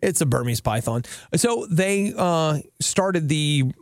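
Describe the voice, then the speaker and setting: A man's voice: fairly high pitch, lively intonation, takes it slowly, no room sound, studio quality. A man co-hosting a casual chat show, wry and joking as he reads out news items. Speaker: co-host.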